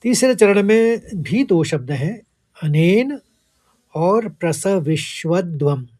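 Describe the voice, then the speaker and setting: A man with a fairly high voice gives a recitation lesson, his delivery slow and unhurried. He chants the verse loudly and drawn-out, then breaks it into syllables with patient, careful coaching. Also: animated. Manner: chants the Sanskrit verse slowly and louder. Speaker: Gita teacher. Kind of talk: recitation lesson with word-by-word explanation.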